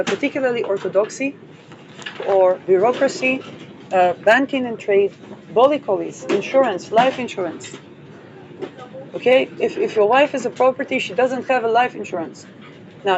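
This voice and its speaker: A woman hosting an astrology channel who talks in a rambling, digressive way, with playful asides and frequent fillers. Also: on the high side. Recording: dull lo-fi audio with vehicle noise.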